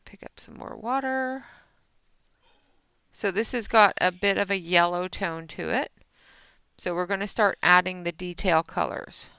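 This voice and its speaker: A woman with a fairly low voice, a little slow, with vocal fry and a pushed, bright yet smooth quality hosts a casual coloring livestream, chatting and explaining each step. Her sinus infection makes her stuffy and sniffly. The dry, lo-fi recording sounds dull, with no echo.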